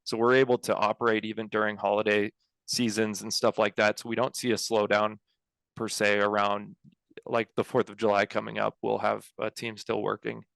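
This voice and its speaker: A man's voice: on the low side, moderate pace, creaky, no room sound, rough recording. A young man from Colorado, an engineering firm co-founder, answering interview questions casually over a headset on a video call, with lots of fillers and restarts. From Colorado, USA. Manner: relaxed, many fillers and restarts. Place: home office, indoors. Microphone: headset mic on video call.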